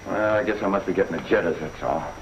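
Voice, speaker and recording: A man's voice: deep voice, fast talker, slight background noise. An actor playing a nervous, evasive man who has just been shot at, in a 1950s TV crime drama. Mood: jittery. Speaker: nervous witness. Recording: dull lo-fi 1950s TV soundtrack.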